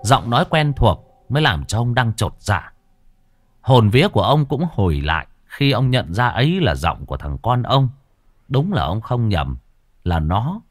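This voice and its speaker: A man's voice: moderate pace, no echo. A man narrating a ghost story as storyteller. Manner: expressive, varied pitch.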